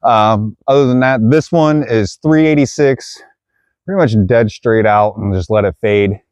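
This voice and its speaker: A man's voice: mid-range voice, measured pace, a little mellow, smooth, dry recording. A man vlogging his disc golf round outdoors, chatting casually to viewers as he plays and sounding out of breath on a hilly course. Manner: chatty, addresses viewers as guys. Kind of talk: casual play-by-play narration.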